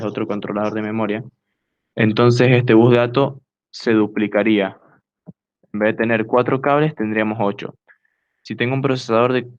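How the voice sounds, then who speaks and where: A young man giving a hesitant student class presentation, filling pauses with "eh" while pointing things out on a diagram. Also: fairly low pitch. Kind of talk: class presentation explaining computer hardware. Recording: dull lo-fi recording.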